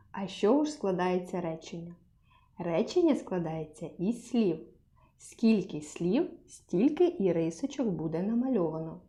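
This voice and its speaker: Woman, teacher, young children's speech lesson, slow, mellow, clear syllables. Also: on the low side.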